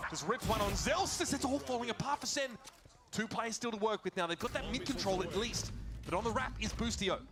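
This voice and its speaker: A man doing play-by-play commentary on an esports match, excitable and loud at big plays. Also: high-pitched, background noise. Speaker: esports caster.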